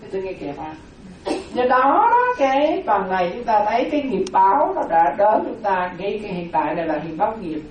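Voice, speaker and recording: A woman's voice: mid-range voice, very animated, brisk, muffled recording, a little hiss or hum. Woman giving a Dharma talk in an echoing hall. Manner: repetitive, explanatory, rhetorical questions. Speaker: Buddhist Dharma teacher. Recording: very echoey hall from far off.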